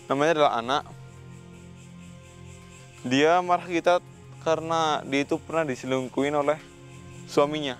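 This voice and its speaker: A man's voice: a little high, fairly even intonation, normal speed, long pauses, soft background music. Commanding man confronting a spirit. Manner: recites Islamic prayers between questions. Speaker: paranormal investigator host. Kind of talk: ghost-hunting vlog commentary.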